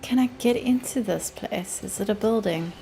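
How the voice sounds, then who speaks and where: A woman's voice: mid-range voice, moderate pace, gravelly, mellow, soft background music. A woman giving casual commentary while playing a game, muttering short asides to herself. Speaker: game player.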